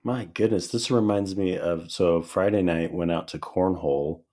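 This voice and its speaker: A very low-pitched man chatting casually as a podcast co-host. His voice sounds slightly hoarse and dry, as if it is still recovering. He tells stories in a relaxed way and laughs often. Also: moderate pace. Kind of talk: casual chat.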